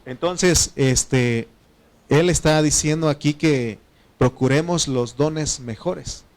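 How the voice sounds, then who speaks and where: Mexican pastor preaching conversationally. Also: male voice, fairly high pitch, slow pace. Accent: Mexican Spanish. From Oaxaca, Mexico. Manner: conversational, asks the congregation questions; frequent fillers and self-corrections. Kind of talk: sermon.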